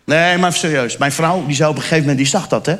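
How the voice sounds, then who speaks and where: A middle-aged man doing stand-up comedy, often slipping into loud character voices. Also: on the high side, fast. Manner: animated, switches into shouted character voices.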